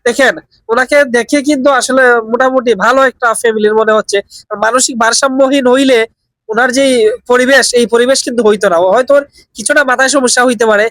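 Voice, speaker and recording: A man's voice: very high-pitched, fairly even intonation, fast talker, a bit bright, no room sound. A man with a Bangladeshi Bengali accent making an urgent appeal video outdoors near a roadside petrol pump, speaking earnestly and slipping into Sylheti dialect. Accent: Bangladeshi Bengali, switching to Sylheti dialect. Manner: urgent, earnest pleading for shares. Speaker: social media volunteer vlogger. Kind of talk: appeal video talking to camera.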